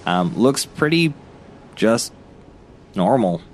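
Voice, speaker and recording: Low-voiced man narrating as game master. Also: sing-song. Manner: halting, descriptive. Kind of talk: improvised tabletop game narration. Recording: clear background noise.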